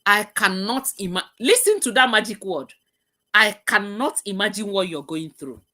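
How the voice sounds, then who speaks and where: A woman's voice: mid-range voice, lively intonation, moderate pace, sharp tone. A woman hosting a live talk show, reading out viewer comments and stressing points by repeating them. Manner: emphatic, repeats key phrases.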